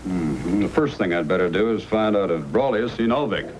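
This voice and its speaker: Sergeant Preston, businesslike radio Mountie. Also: male voice, sits low, animated, a little fast, a little mellow, slight background noise. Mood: businesslike, affable. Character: brisk, courteous Mountie sergeant on a case. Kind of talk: old-time radio acting. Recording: old radio recording.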